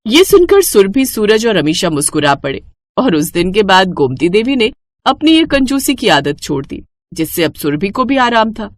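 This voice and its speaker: A woman narrates a storybook tale in a measured, storytelling way. Her voice rises and falls a great deal. The recording is dry and close, with no room sound. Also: medium pitch, sing-song, no echo. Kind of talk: scripted narration.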